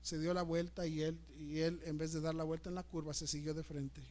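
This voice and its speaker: A man's voice: on the high side, little pitch movement, fairly quick. A middle-aged male pastor, preaching a story-driven sermon with emotional, repetitive delivery. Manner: emotional, repeats words, dramatic swings in loudness.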